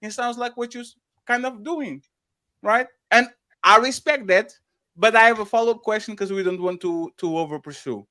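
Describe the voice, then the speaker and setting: Bright, high-voiced man with a Russian accent. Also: moderate pace. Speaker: panelist. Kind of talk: panel debate.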